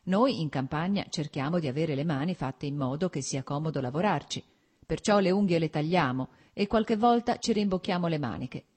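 A woman's voice: deep voice, animated, normal speed, a little mellow, slightly rough. A woman voicing an earnest, intense young male landowner in an audiobook reading, speaking insistently.

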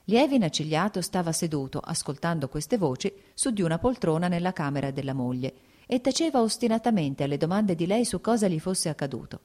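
A woman's voice: on the low side, expressive, brisk, dark tone. Woman reading a novel aloud. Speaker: audiobook narrator. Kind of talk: literary audiobook narration.

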